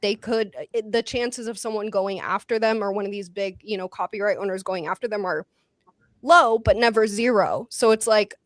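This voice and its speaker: A woman's voice: medium pitch, normal speed, no echo. Chatty woman giving advice, dry sound. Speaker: panelist. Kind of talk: casual panel chat.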